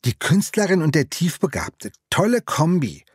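A man voicing an angry little boy in an audiobook reading, shrill and accusing. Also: big pitch swings, normal speed, slightly rough, no room sound, clean studio sound. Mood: scornful. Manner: shrieking, accusing. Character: furious small boy, shrill and spiteful.

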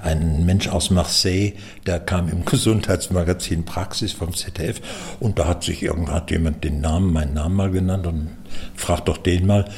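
A man's voice: sits low, fairly even intonation, normal speed, darkish tone, a little hiss or hum. A man in his seventies, an interpreter talking reflectively in an interview. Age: 70s. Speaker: simultaneous interpreter being interviewed.

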